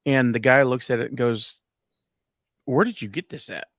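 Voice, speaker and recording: A man's voice: mid-range voice, normal speed, no echo, clean studio sound. A man in casual podcast chat, telling stories with many fillers and restarts. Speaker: guest.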